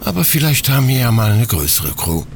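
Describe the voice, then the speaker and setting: A man voicing a tough, wry female smuggler captain in a storybook reading, lifting his voice and keeping it measured and diplomatic. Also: big pitch swings, vocal fry, slight background noise. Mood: upbeat. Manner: raised pitch, measured and diplomatic.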